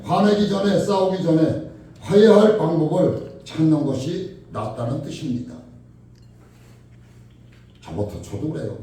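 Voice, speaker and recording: A man preaching a sermon from a distance, his voice echoing loudly through a church hall. His pitch moves a lot and sits a little high, and his tone is dark and mellow. He keeps asking the congregation questions and bursts into shouted lines when he acts out quarrels. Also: a little hiss or hum. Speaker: pastor. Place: church sanctuary. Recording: echoey church hall from far off.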